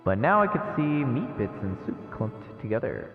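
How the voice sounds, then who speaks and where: A man streams a visual novel, reading the narration aloud with casual asides in a very animated, medium-pitched voice at normal speed. Game music plays behind him, and the recording sounds echoey and narrow like a phone, with long reverb.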